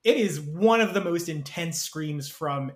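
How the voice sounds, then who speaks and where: A man's voice: a little high, animated, unhurried, roomy sound, a crowd in the background. A man as a podcast guest, chatting casually and agreeably about films. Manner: agreeable, frequent yeahs and laughs. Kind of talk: casual film discussion.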